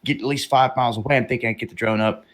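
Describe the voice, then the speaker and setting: A man's voice: medium pitch, fairly even intonation, rapid-fire, fairly bright tone. A man hosting a live stream, talking in a rambling, opinionated way about world news and drones, swearing casually. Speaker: livestream host.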